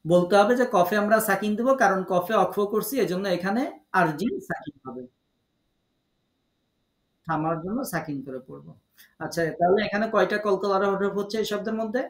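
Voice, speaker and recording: A man's voice: sits high, moderate pace, roomy sound, low-quality recording. A man with a Bangladeshi Bengali accent teaching an online recitation class, patiently quizzing and correcting students over a video call. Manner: patient, encouraging, correcting pronunciation.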